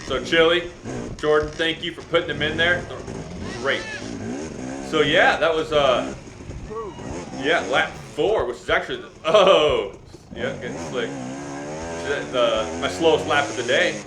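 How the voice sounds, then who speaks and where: Male motovlogger, chatty and self-deprecating race commentary, fry in the voice, recorded roomy with clear vehicle noise. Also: fairly high pitch, unhurried, long pauses. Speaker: motovlogger and amateur dirt bike racer. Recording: roomy echo, loud engine and ambient noise.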